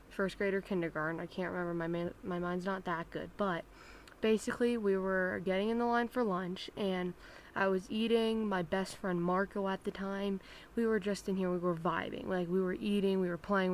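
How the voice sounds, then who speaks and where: A woman's voice: mid-range voice, slight background noise. A woman hosting her own channel, telling a rambling story time in a casual chat style and acting out the people she quotes. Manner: rambling, acts out quoted people in raised voices. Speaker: channel host.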